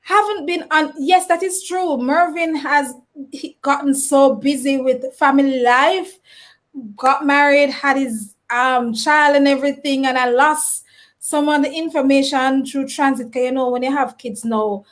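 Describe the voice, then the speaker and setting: Lady hosting a live stream, high voice, bubbly, reading out viewer comments. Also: measured pace. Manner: animated, greets and reads out viewer comments. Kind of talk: casual live stream interview.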